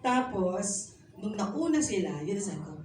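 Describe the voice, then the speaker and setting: A woman's voice: mid-range voice, sing-song, unhurried, a little mellow. A middle-aged woman shares her personal testimony as a pastor's wife, talking in a chatty, polite way and slipping English phrases into her speech. She sounds set back from the microphone in an echoey room, with a faint hiss underneath. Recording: echoey room, mic at a distance, faint noise.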